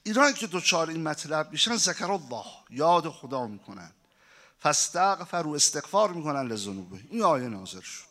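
A male preacher giving a sermon, telling stories and acting out their dialogue. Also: a little high. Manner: animated storyteller who acts out dialogue. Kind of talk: sermon with storytelling.

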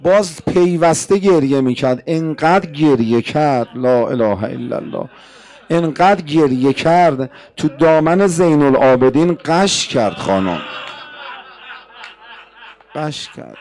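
A man's voice: on the high side, animated, darkish tone. A male preacher narrating a mourning sermon with emotion, addressing the audience directly.

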